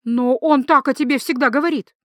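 A woman's voice: sits high, fairly quick, no echo, studio quality, voice pushed up, natural voice. A woman reading an audiobook, voicing a pushy, quarrelsome young wife in a raised, insistent voice.

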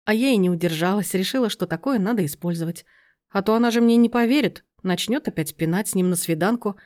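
A woman's voice: medium pitch, quick pace, a little mellow, natural voice. A woman reading aloud and voicing a sly young woman who talks sweetly and feigns innocence.

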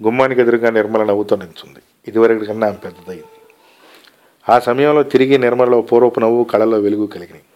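Male story reader, mid-pitched, calm and measured read-aloud narration. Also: dull audio.

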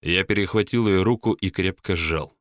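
A man reading a first-person story as an audiobook narrator, calm and steady. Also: low-pitched, normal speed, no room sound, clean studio sound.

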